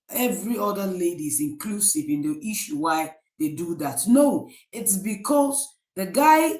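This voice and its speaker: A Nigerian woman hosting a casual live stream, chatting with viewers by name and often pausing on fillers. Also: lowish voice, a little mellow, roomy sound, rough recording. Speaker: livestream host.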